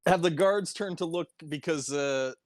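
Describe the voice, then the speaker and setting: A man's voice: a little high, moderate pace, dry recording. A man playing a tabletop game, joking and laughing as he talks. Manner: joking, laughs while talking. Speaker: player. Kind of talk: casual tabletop game chat.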